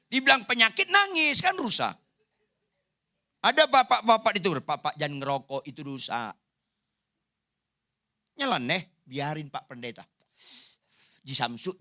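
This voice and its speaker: Animated joking preacher, bright voice. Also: male voice, extremely high pitch, vocal fry. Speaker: pastor. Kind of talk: sermon. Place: church hall.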